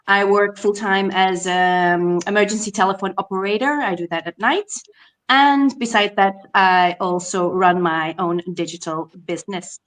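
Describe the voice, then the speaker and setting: A woman's voice: medium pitch, steady tone, moderate pace. A woman from the Netherlands introducing herself on an online panel in short, matter-of-fact sentences. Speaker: panel guest.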